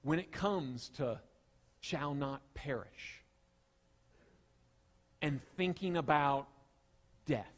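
A man's voice: on the high side, slow pace, long pauses, big-room sound. A male pastor with a Southern accent preaches a sermon with emphasis, repeating his key phrases.

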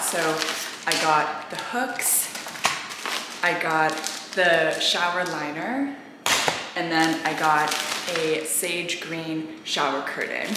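A woman in her thirties vlogs casually to camera, with a fairly low-pitched voice, thinking aloud while doing tasks in an empty apartment and a small tiled bathroom. The indoor rooms sound echoey, with background music and heavy background noise.

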